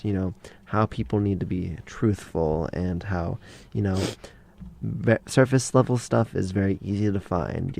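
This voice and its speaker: A young man in easygoing podcast banter with a dry, deadpan humor. He pauses on "um" a lot as he works through his points. His voice sits low, with a dark and mellow tone. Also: gravelly. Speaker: podcast co-host. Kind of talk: casual chat.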